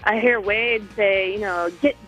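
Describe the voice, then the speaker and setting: A woman's voice: medium pitch, moderate pace, a bit bright, faint music behind, rough recording. A woman guesting on a radio show, telling a story in a rambling way with many fillers and frequent laughs. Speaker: guest musician. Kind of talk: casual on-air interview.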